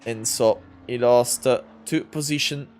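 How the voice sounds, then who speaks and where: A man from Italy in his twenties, speaking a little slowly at medium pitch, narrates a sim race in English with an Italian accent. He stumbles through fillers and restarts but becomes louder and more animated in close racing.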